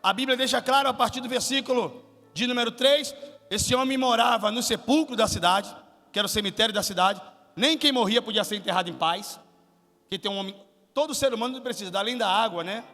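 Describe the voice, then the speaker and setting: High bright-voiced preaching man. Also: a little fast. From Salvador, Brazil. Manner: asks the congregation questions, builds to shouted climaxes. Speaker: guest pastor. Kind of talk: sermon. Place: church hall. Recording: long hall reverb with faint music.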